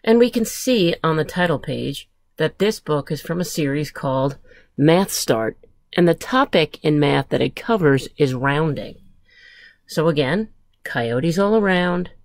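A woman school librarian reading a picture book aloud to children, in an expressive, unhurried way. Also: deep voice, no room sound.

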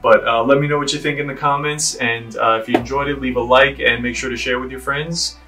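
A man with a Long Island accent narrating a painting time-lapse in a relaxed, joking way, with many "uh" fillers. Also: medium pitch, brisk, over music. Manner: relaxed, self-deprecating, frequent "uh" fillers. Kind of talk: casual voice-over narration.

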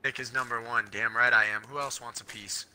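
A man's voice: mid-range voice, steady tone, a little fast, bright, forceful tone. Hammy boasting gamer man. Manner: hammy, mock-dramatic boasting. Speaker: gamer on a group stream. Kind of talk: casual gaming banter. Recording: noisy game voice chat.

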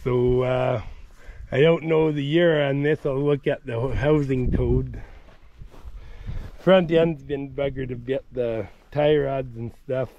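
A plain-spoken tractor vlogger tours a farm auction outdoors, giving casual walkaround commentary, thinking aloud and often restarting sentences. His medium-pitched voice is slow with fairly even intonation, captured lo-fi with slight background noise on a hand-carried, wide-angle camera.

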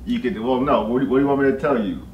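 A young man from Canada co-hosting a couple's video, joking in an animated, slangy way. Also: medium pitch, very fast, highs cut off. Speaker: co-host of a couple's channel. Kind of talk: casual chat. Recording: echoey room with faint noise.

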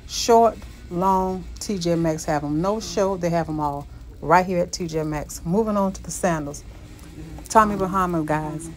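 A woman vlogging as she walks through a large store, chatting upbeat to her viewers about the items she finds. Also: lowish voice. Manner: upbeat, chatty, keeps addressing viewers as guys. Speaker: shopping vlogger. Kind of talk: casual shopping walkthrough. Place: inside a large retail store.

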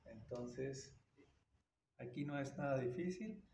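A man's voice: mid-range voice, slow pace, gravelly, warm tone, a little hiss or hum. A man teaching violin in a casual tutorial, explaining patiently between played passages. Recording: roomy, mic at a distance, violin behind. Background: violin playing.

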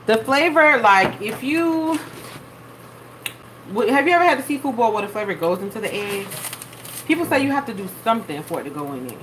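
Here a cooking channel host, a young woman with a higher, expressive voice, talks briskly during a live stream from her home kitchen. She keeps up a chatty flow, reading comments aloud and thanking viewers by name. Recorded on a phone held over the stove, the audio is low quality with background noise.

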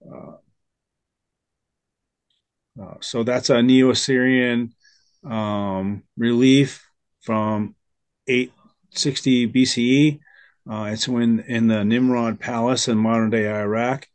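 Brief: male host on a video call, mid pitch, hesitant, filler-heavy, dry. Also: steady tone, slow pace, pauses often, dry recording. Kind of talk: casual video-call discussion.

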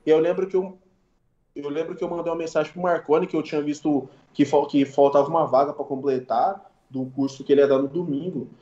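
A man's voice: on the high side, fast, roomy sound, lo-fi sound. A man, a guest barber, telling stories in slangy casual chat. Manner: relaxed slangy storytelling, sound-effect words. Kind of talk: casual storytelling in a podcast chat.

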